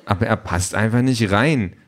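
A man's voice: on the low side, moderate pace, close to an everyday voice. A man voicing a puzzled, mild-mannered young man. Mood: baffled. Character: baffled easygoing young man.

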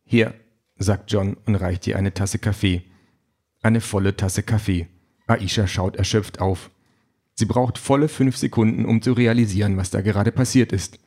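A man narrating an audiobook in a wry, lively storytelling manner. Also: lowish voice, moderate pace.

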